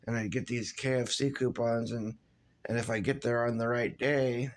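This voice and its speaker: A man's voice: medium pitch, level tone, normal speed. Rambling, foul-mouthed guy venting into his camera in an everyday mid-range voice. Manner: profane, rambling, loose and frustrated. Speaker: vlogger. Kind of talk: casual rant to camera.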